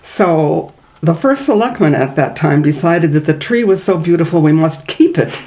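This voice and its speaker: A woman's voice: low voice, expressive, normal speed, mellow, a little hiss or hum, poor audio. An older woman from northern Minnesota with a Minnesota accent, telling stories in an oral history interview, chatty and laughing between them.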